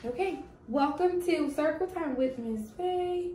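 A woman's voice: sits high, lively intonation, unhurried, warm tone, a little hiss or hum. A young woman leading a preschool circle time in a sing-song, encouraging kindergarten teacher voice, addressing small children. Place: small classroom-like room indoors. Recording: echoey room, distant microphone.

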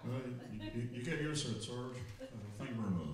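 A man's voice: medium pitch, expressive, fast, a crowd in the background, lightly acted. A young man playing [name] as a polite, bumbling army recruit who stammers, in a live radio-style comedy skit. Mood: nervous, polite. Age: young adult. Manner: stammering, drawling Elvis impression. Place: library room, live performance, indoors. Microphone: stand microphone, distant camera. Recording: echoey room from far off, music.

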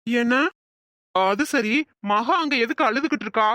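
An actor voicing an elderly father in a comic cartoon, speaking calmly and slowly. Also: mid-range voice, dry recording, lightly acted.

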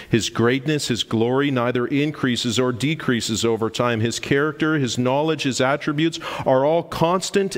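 Male pastor, forties, emphatic sermon delivery, mid-range voice, long church reverb. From Canada. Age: 40s. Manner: emphatic preaching, rising in pitch to stress points. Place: church sanctuary.

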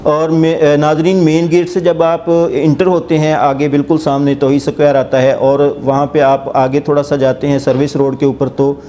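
A man in his forties with a Pakistani Urdu accent hosts a property channel from an office, explaining a project's rates to camera with frequent pauses. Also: a little high. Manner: hesitant, many filler sounds, steady explanatory tone; seated, gesturing with hands while reading notes. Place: indoor office with armchair. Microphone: lapel mic.

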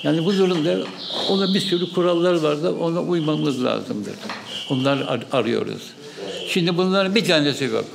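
Gravelly man telling an anecdote. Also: a little high, moderate pace, noisy background. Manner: anecdotal, repeats "he said" often. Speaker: bird keeper. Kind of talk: storytelling in interview.

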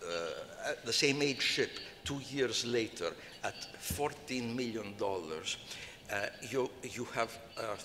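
Older man, bright, in a large hall. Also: medium pitch, takes it slowly. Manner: rambling, many fillers and restarts. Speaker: panelist. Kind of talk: conference panel talk. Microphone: table microphone. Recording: reverberant hall, faint noise.

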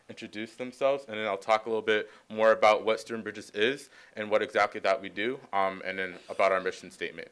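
A young man presenting at a podium, halting and filling pauses with many ums. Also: deep voice, a bit bright, clear, resonant tone. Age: young adult. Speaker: undergraduate program coordinator. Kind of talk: panel presentation. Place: conference room. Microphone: podium microphone.

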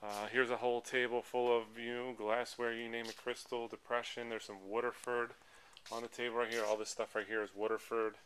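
Speaking fairly quickly in a flat, fairly bright medium-pitched voice, this American auction presenter ambles around a big indoor hall crowded with tables, listing lots off the cuff. He holds the handheld camera that records him, and the poor audio includes noticeable background noise.

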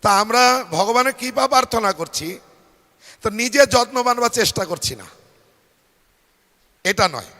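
A very high, animated male voice, pushed and bright, carries a Bengali-accented devotional sermon at normal speed with frequent pauses. Asking rhetorical questions and having listeners repeat after him, he speaks in a large devotional-fair hall with long reverb.

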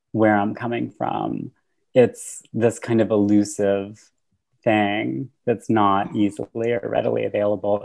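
A woman in her thirties gives a relaxed keynote over a video call, her voice picked up by earbuds in a book-lined room at home. She speaks slowly, in a flat, unhurried tone that drifts with ums and soft laughs. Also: very deep voice, creaky, low-quality recording. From Syracuse, New York. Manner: slow, dreamy, with frequent ums and soft laughs. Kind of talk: relaxed conference talk. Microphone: earbud headset on a video call.

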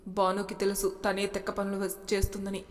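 A woman narrating a romance story in a plain, even reading voice. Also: mid-range voice, a little fast. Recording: long reverb.

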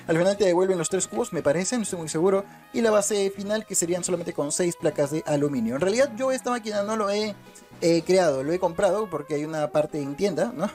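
Chatty young Peruvian gamer, high voice. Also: male voice, a little mellow. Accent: Peruvian Spanish. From Peru. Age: 20s. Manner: chatty, keeps asking "¿está bien?" and "¿no?". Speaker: gaming YouTuber. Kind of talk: casual gameplay tutorial commentary. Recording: faint music in the background.

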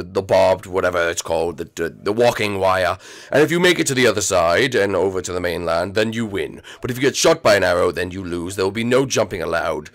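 A man as Petey, a bossy, vain plant boss. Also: low-pitched. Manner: lazy, vain and commanding. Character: bossy giant male plant monster boss.

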